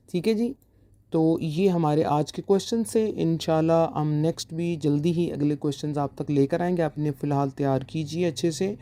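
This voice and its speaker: A lecturer from Pakistan giving a recorded exam-prep lesson, slowly reading out each definition and then explaining it, often checking in with "okay?". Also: medium pitch, warm tone. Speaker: online lecturer.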